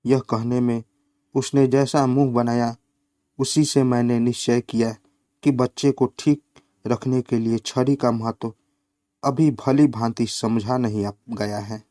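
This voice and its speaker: Slow, measured male storyteller. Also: medium pitch, steady tone, mellow, dry recording, studio quality. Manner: slow, measured reading with quoted lines voiced in the flow. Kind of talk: reading a satirical short story aloud.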